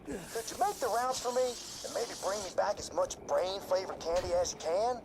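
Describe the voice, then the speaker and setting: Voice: mid-range voice, moderate pace, creaky, background noise, natural voice. A voice actor playing a zombie townsperson who asks for candy in a folksy, pleading drawl. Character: zombie townsfolk quest-giver with a candy craving.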